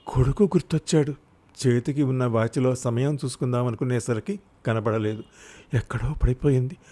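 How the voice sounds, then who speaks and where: A man's voice: medium pitch, mellow. A man narrating a written short story aloud, reading expressively and lifting his voice for the characters' cries.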